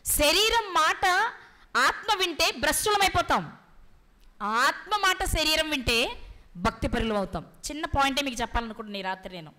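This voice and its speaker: A woman preaching a sermon with a Telugu accent, asking rhetorical questions and pausing for effect. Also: high voice, lively intonation, bright, forceful tone. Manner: rhetorical questions, dramatic pauses.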